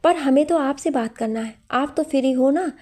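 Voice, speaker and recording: A woman voicing Rishi, an adult man who is a tender, loving father and husband, speaking softly and slowly in a storybook narration. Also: high-pitched, close to an everyday voice.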